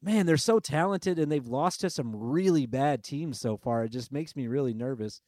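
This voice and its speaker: A sports podcast host chats casually in a medium-pitched, darkish voice, easygoing and self-deprecating, and quick to change his mind. The studio-quality recording has no room sound.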